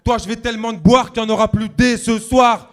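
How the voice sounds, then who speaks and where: A man's voice: extremely high pitch, steady tone, a little fast. A man rapping playful, mocking insults at an opponent, with sing-song repetitions. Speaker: battle rapper. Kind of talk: a cappella rap battle verse.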